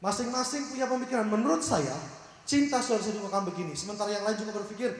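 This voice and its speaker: Echoey preacher, high-voiced man. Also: very fast. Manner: acts out characters in a story, asks the audience questions. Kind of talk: sermon with storytelling. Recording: echoey hall.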